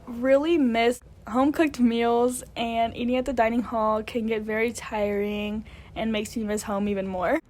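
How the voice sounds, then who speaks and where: A woman's voice: on the high side, level tone, normal speed, darkish tone, slight background noise. A young college woman from Louisiana answering questions in a casual, easygoing way. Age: young adult. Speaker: interviewee.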